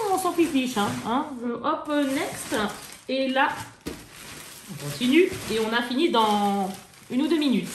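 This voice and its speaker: A woman's voice: fairly high pitch, slight background noise. A young woman in casual chat with her viewers, showing off things she bought. She talks in a slangy, chatty way and laughs often. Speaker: haul vlogger. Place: indoors at home. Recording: echoey room.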